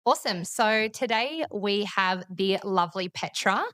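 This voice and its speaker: A woman's voice: medium pitch, expressive, a little slow, fairly bright tone, clean tone, no echo, clean studio sound. A woman co-hosting a podcast, bubbly and friendly as she asks questions. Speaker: podcast co-host. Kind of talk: casual podcast chat.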